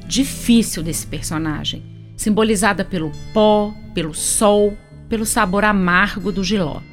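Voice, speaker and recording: A Brazilian woman reads a scripted radio narration at a steady, unhurried pace. Her voice sits at a middle pitch, and a faint bed of music runs quietly underneath. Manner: measured, unhurried reading. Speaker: radio presenter.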